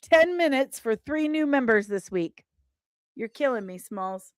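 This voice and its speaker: In a clean studio recording free of echo, a woman's high-pitched, animated, smooth voice runs a little slow. She hosts a relaxed livestream on entertainment news, playfully teasing and frequently repeating phrases to drive points home.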